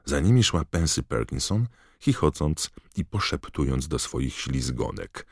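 Very deep-voiced man narrating a story. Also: sing-song, a little slow, creaky, a little mellow, no echo, studio quality. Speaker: audiobook reader. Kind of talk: scripted narration.

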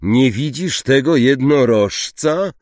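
A male narrator voicing a noble young centaur, speaking slowly and solemnly in an audiobook. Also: low-pitched, very animated, gravelly, darkish tone, dry recording, studio quality, exaggerated voice. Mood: furious. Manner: slow, solemn, measured.

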